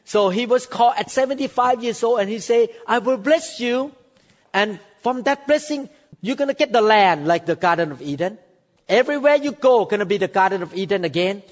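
A man in his sixties, from Thailand, preaching a sermon with emphatic, drawn-out phrases and sudden rises in pitch. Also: animated. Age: 60s. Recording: dull sound with long hall reverb.

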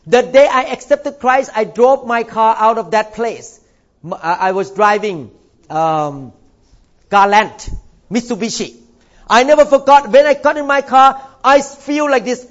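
The voice is male and extremely high, a bit bright, heard through lo-fi sound. An older Thai pastor is preaching a church sermon, elongating key words in an emphatic, drawn-out way.

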